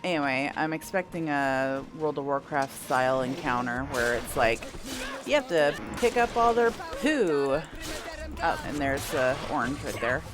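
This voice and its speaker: Her voice is a rumbling low, expressive and unhurried as she streams a game, rambling and reasoning aloud with a mild swear here and there. Video game music and sounds fill the background.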